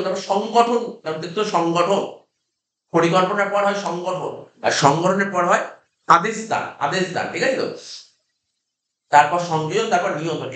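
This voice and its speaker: A man with a Kolkata Bengali accent teaches a class, his voice pitched high for a man. He keeps repeating key terms and firing questions back at the students. The room around him is echoey. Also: a bit bright. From India. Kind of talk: classroom lecture.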